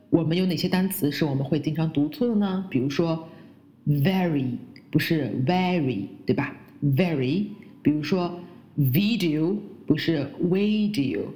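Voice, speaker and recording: A woman who speaks Chinese as her first language, teaching English pronunciation and slowly repeating the English words she models. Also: deep voice, a little mellow. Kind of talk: pronunciation lesson.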